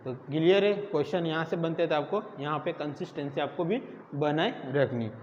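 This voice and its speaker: A man's voice: fairly high pitch, normal speed, darkish tone. A man teaching a nursing exam class, who keeps asking the students questions and answering them himself. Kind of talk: classroom lecture. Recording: echoey room, dull lo-fi sound, faint noise.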